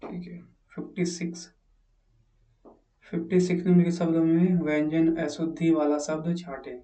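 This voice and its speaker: A man's voice: a little high, flat delivery, moderate pace, warm tone, far from the mic. A man teaching as he solves an exam paper, reading each question aloud and then asking and answering it himself. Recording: echoey room, mic set back.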